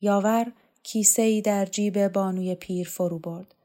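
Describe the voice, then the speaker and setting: A woman narrating a novel as an audiobook, in a calm, measured way. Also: medium pitch.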